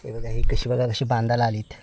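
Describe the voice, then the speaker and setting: A man's voice: mid-range voice, monotone, quick pace, mellow, slight background noise. A man with a Konkan Marathi accent narrates a casual vlog as he walks through forest and fields foraging wild mushrooms, often calling on viewers to look. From Konkan, India. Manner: repetitive pointing-out, walking while talking.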